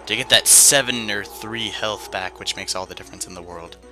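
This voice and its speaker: With a fairly low, brisk voice, a young man narrates his video game in a chatty, rambling let's play style. He's self-deprecating and leans on plenty of fillers, and there's game music in the background.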